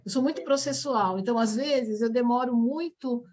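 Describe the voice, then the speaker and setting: Woman host, slightly high voice, reflective chatty delivery. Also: moderate pace, darkish tone. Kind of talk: casual chat on a video call.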